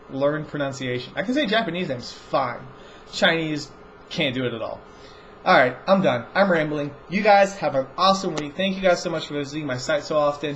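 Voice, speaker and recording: A man's voice: on the high side, muffled recording, slight background noise. A man hosting a movie review show, talking in a casual rambling monologue and often stumbling and restarting his sentences.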